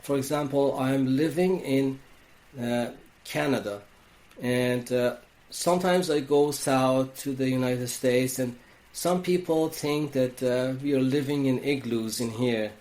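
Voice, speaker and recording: Slow, thoughtful man with an Iranian accent. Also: mid-range voice, a little mellow. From Iran. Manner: slow, thoughtful, with frequent restarts. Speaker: podcast guest, wellness coach. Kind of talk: reflective interview talk.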